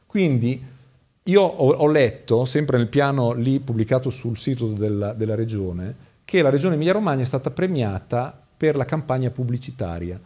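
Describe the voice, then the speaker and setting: Mellow husky male debate guest. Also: mid-range voice, animated, normal speed. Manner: critical, hesitant, many fillers. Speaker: doctor and studio guest. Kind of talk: talk show debate.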